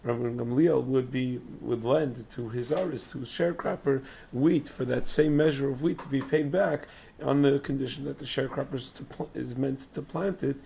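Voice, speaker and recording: Male religious teacher, lost-voice hoarseness, heavy gravelly rasp, explaining text line by line, dull muffled recording. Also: medium pitch, moderate pace, dark tone, a little hiss or hum. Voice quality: raspy, strained, breathy croak. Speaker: religious teacher giving a daily Talmud class. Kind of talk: Talmud lesson, reading and explaining text.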